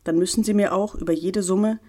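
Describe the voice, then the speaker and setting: A woman voicing a composed, stern older gentleman who speaks in a calm, measured way. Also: mid-range voice, close to an everyday voice.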